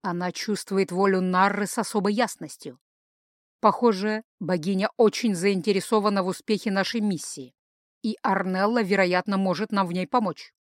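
A woman voicing a deliberate male companion in a fantasy audiobook, weighing each word. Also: medium pitch, fairly even intonation, no echo, studio quality, lightly acted. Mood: measured.

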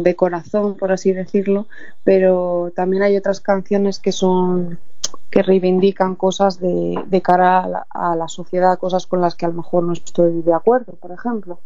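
A woman's voice: mid-range voice, dark tone. A young woman from Madrid, a singer-songwriter, answering interview questions in a thoughtful, hesitant way with a Madrid Spanish accent. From Madrid, Spain. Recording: dull lo-fi dry sound.

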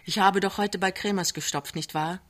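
A woman's voice: mid-range voice, fairly even intonation, normal speed, natural voice. A woman voicing a tender, desperate young working-class wife in an audiobook reading, pleading in a rising voice. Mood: gentle.

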